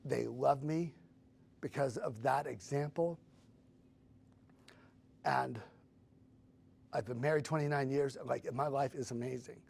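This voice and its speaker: A man in his fifties talks through a personal story with earnest feeling, often slipping in a casual "like." His voice is gravelly with a husky edge, pitched in a middling range. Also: measured pace, long pauses, darkish tone. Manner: earnest and emotional, with casual "like" fillers. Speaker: guest sharing his story.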